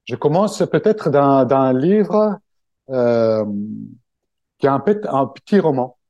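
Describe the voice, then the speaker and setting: In a relaxed interview, an Italian man speaks French with an Italian accent, often pausing on fillers and restarting sentences. He is a guest who creates book summaries. His mellow, dark voice sits at medium pitch, and the muffled recording sounds dry and close with no room echo.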